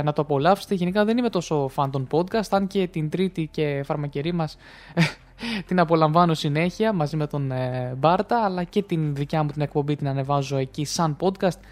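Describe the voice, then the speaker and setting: Radio host, casual chat over entertainment news; relaxed, addresses listeners directly. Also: medium pitch. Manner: chatty, corrects own slips aloud.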